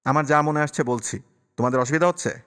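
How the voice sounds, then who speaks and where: A man's voice: a little high, smooth, lightly acted. A man doing a bitter, harsh-tongued mother. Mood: bitter angry. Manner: sharp, cutting, fast retorts. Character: harsh, bitter young mother, quick to anger. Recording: long reverberant echo.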